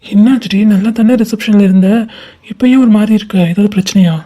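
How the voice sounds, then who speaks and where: A woman voicing a caring young man in a cartoon, who asks questions in a soft, coaxing way. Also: mid-range voice, fairly quick, lightly acted. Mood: concerned. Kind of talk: animated cartoon voice acting.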